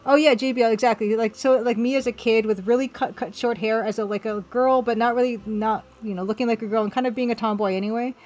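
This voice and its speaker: A pixel artist running an art livestream chats informally and thinks aloud as she works and answers the chat, with music in the background. Her voice is a little high and darkish, with fairly even intonation, and she talks fast with few pauses.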